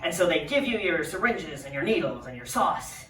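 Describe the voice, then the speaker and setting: A man's voice: on the high side, very animated, moderate pace, sharp tone. A man performing a stand-up comedy set, telling stories conversationally with fillers at a live venue. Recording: distant roomy stage recording with noise.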